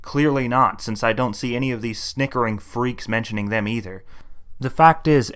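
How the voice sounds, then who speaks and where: A man reading a scripted political commentary in a scornful, combative tone, freely insulting his opponents. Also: medium pitch. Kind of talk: scripted commentary video essay.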